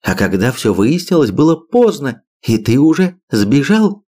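A man reading an audiobook, voicing a fierce middle-aged woman biologist who shouts in heated, shrill bursts. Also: big pitch swings, measured pace. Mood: angry.

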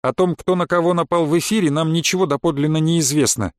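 A man voicing a composed male hotel manager who speaks in calm, measured tones in a storybook reading. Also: fairly high pitch, no room sound, studio quality, close to an everyday voice.

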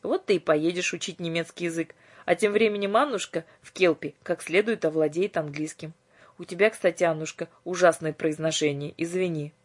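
A woman voicing a clever, bossy teenage boy who lectures in a self-assured way, with a breathy voice. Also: fairly low pitch, fairly even intonation, brisk, close to an everyday voice. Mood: lecturing.

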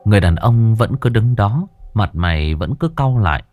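A man narrating a ghost story in an expressive storytelling manner. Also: on the low side, moderate pace, soft background music.

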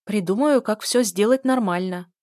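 A woman's voice: mid-range voice, normal speed, darkish tone, no echo, studio quality, natural voice. A woman voicing a brash, cynical young woman who schemes for a better life, in a storybook reading. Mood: pleading. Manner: cynical, pushy.

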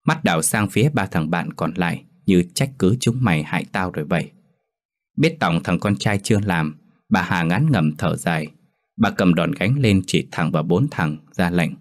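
A man narrating a folk ghost tale in a steady storytelling manner. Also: deep voice.

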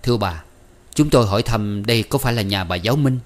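A man's voice: on the low side, fast talker, lightly acted. Man as a suave, polite undertaker. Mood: deferential. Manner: deferential, polite. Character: courteous male undertaker in suit, suave.

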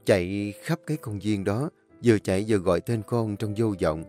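Low-voiced male storyteller. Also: brisk. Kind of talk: first-person audio story narration. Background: soft instrumental music.

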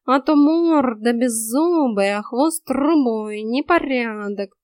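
Audiobook: woman doing a huffy know-it-all tomcat, high, slow drawl, dry sound. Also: expressive, a little mellow, no echo. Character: talking male house cat, grumbling know-it-all mentor. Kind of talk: audiobook character voice.

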